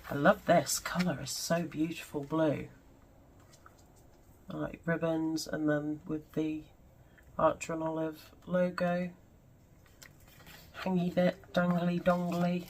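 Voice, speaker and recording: A woman with a low voice presents items in a casual unboxing style. She takes her time, yet sounds excited and breathy as she exclaims. There is clear background noise on the recording. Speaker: unboxing video host. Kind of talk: casual product unboxing commentary.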